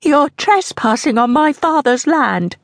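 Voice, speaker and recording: A woman's voice: high voice, lively intonation, unhurried, dry recording, pitched above the performer's own voice. A woman voicing a frightened yet defiant young woman cornered by armed men, crying out shrilly.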